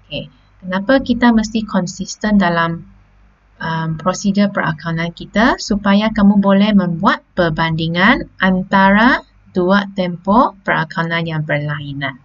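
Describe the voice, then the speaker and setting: A woman's voice: lowish voice, lively intonation, measured pace, highs cut off. A Malaysian woman teacher taking students through a lesson step by step, often checking in with "okey" and "ha?". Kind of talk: classroom lesson on slides.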